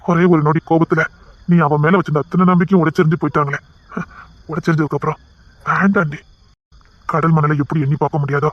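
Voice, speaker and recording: Guy doing a soft pleading husband, highish voice, dry close sound. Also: breathy edge, no echo, lo-fi sound. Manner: tender, pleading consoling. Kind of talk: dubbed serial drama with one voice doing many roles.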